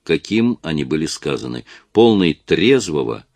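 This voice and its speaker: A man narrating a novel in an expressive storytelling manner. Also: a bass voice, normal speed, no room sound. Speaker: audiobook narrator. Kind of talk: scripted narration.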